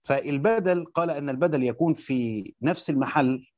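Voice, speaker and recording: Male teacher with an Egyptian accent, slightly high voice, reading a text then explaining it haltingly; muffled, dry recording. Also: a little mellow, no room sound. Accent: Egyptian Arabic. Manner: reads a passage aloud, then explains it in colloquial speech; hesitant, with frequent fillers and restarts. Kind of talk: grammar lesson on a classical text. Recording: dull, muffled sound.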